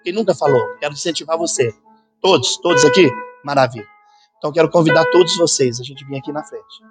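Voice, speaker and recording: A man's voice: on the high side, fast. A man preaching a fervent sermon as pastor at a church conference, acting out the voices of the people he quotes. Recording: sermon with music playing underneath.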